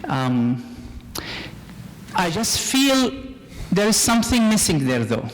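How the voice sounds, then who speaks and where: A man's voice: high voice, very animated, takes it slowly, in a large hall, a little hiss or hum, low-quality recording. A man from Syria, a native Arabic speaker and theology professor, asking a polite, earnest question from the audience at a lecture. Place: lecture hall.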